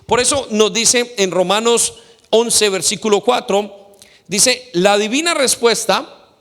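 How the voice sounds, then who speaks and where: A man's voice: sits high, slow, fairly bright tone. A man preaching a sermon as pastor, quoting scripture and speaking directly to his listeners. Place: church hall. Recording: long hall reverb.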